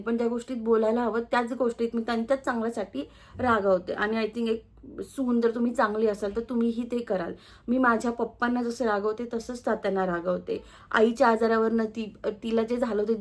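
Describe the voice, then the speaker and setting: A young woman with a Marathi accent talks straight to her viewers in a home vlog. She is emphatic and defensive as she answers their comments. Her voice sits a little high. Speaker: vlogger. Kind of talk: casual vlog talk to camera.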